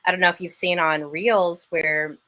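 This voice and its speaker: Bright, chatty woman podcast host. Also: lowish voice, steady tone, moderate pace, poor audio. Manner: enthusiastic and chatty. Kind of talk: casual live-stream interview.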